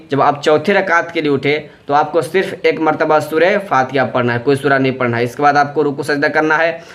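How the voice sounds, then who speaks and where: A man's voice: on the high side, a bit bright. A man giving patient, step-by-step instructions for a prayer, going through each step plainly and repeating them. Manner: plain, patient, repetitive explaining. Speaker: religious teacher.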